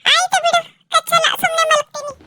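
A woman voicing her cheeky, sulky male pet dog in a whiny, childlike squeak with a rural Karnataka Kannada accent. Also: fairly even intonation, a little fast, heavy background noise.

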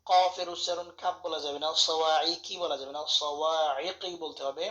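A man giving a tajweed lesson, spelling out letters and vowel marks step by step, reciting verses slowly and correcting wrong pronunciations. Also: on the high side, steady tone, echoey room. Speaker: Quran recitation teacher. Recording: dull lo-fi recording.

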